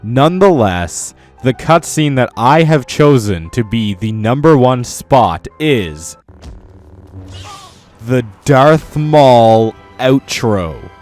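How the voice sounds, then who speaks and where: A man hosts a scripted countdown video, offering mock-earnest commentary full of exaggerated praise. His mid-range voice is expressive, slow and darkish, with music playing underneath.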